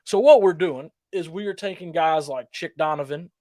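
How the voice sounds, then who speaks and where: A man with a fairly high voice in a dry, echo-free setting. He chats casually like a producer pitching his show, full of enthusiasm and leaning on repeated phrases to make a point. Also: normal speed, dark tone. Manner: enthusiastic, emphatic repetition. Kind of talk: casual promotional chat.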